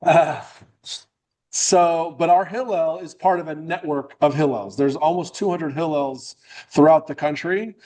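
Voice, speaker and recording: At a measured pace, with a voice on the high side and a darkish tone, a middle-aged guest speaker from New England, USA, talks to a club in a meeting room. His talk is friendly and full of jokes, loose and riddled with restarts.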